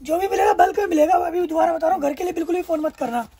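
A young man who runs a wholesale shop in a crowded indoor market reels off prices in a forceful sales pitch, restating his terms. He talks very fast in a dark tone, with slight background noise.

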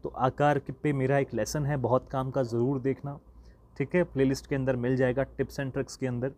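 A man's voice: medium pitch, flat delivery, moderate pace, a little mellow. A man teaching a flute lesson in a casual, chatty way, singing the note names aloud as he goes. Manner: chatty and encouraging, sings the notes aloud. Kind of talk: casual online music lesson.

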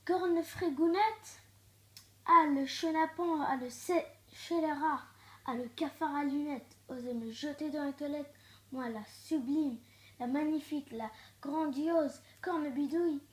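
A woman's voice: a little slow, a bit bright. A woman voicing a boastful, vengeful old witch in a storybook read-aloud, theatrical and gloating. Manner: theatrical, gloating, shifts to low menacing mutters. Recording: echoey room.

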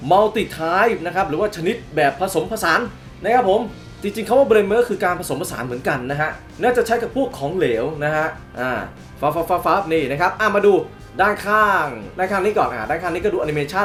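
A young man hosting a casual toy unboxing review. He is excitable, exclaims often and hums little sound effects as he shows the box. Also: sits high, a little fast, soft background music. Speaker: toy reviewer, channel host.

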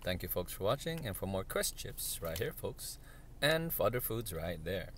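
Casting: male food-review vlogger, lowish pitch, casual unscripted delivery, noisy in-car recording. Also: very animated, moderate pace, a bit bright. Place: inside a parked car. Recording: clear background noise with clicks.

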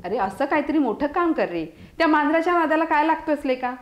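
A woman's voice: high-pitched, expressive, quick pace, reverberant. A woman voicing a fatherly male house master who coaxes his dog, in a storybook reading. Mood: coaxing.

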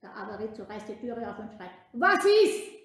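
Expressive woman reading a kids' story. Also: mid-range voice, fast, faint music behind. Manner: lively and expressive. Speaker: religion teacher storyteller. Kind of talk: storytelling for children. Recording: echoey room.

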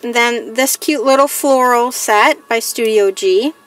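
A woman with a slightly higher-pitched voice talks through a crafting haul in a casual show-and-tell way. She reads each piece aloud in a plain, listing manner, chatty and unhurried. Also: a bit bright. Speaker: crafting vlogger.

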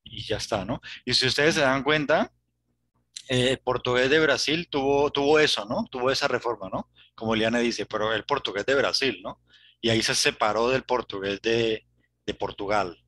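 Male Latin American Spanish teacher on a video call, bright tone, keeps asking "¿no?". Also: mid-range voice, normal speed, no echo. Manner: tags sentences with "¿no?". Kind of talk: online class conversation.

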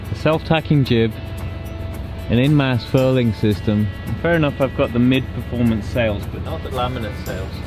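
A young man talking casually on a sailboat, joking and playfully competitive as he narrates a race. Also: mid-range voice. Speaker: sailing vlogger. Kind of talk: casual vlog commentary while sailing. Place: on a sailboat outdoors.

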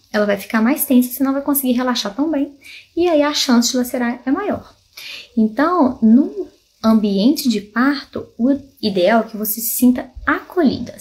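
A woman, a pelvic physiotherapist, explaining to viewers in a lively, demonstrative way, asking rhetorical questions, drawing everyday comparisons and using many diminutives while seated indoors. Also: fairly high pitch. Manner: fond of diminutives. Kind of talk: explanatory health talk to viewers.

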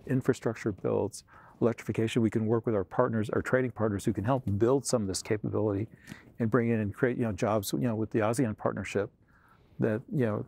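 A man's voice: lowish voice, gravelly, dark tone, husky. A man in his sixties in a studio interview, earnest and rambling, with lots of "you know", on a lapel mic. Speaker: tech executive interviewer. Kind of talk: conversational interview. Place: studio set with armchairs.

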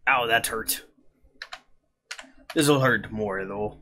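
A man's voice: fairly low pitch, drawn-out words, bright, forceful tone, a little hiss or hum. A man streaming a video game, dropping pirate-style yar and arr growls and swearing as he plays. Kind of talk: let's play commentary.

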